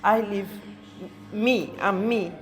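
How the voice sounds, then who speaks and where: Interview guest, woman, unhurried and thoughtful, mid-pitched voice. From Congo. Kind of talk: casual interview. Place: coffee shop.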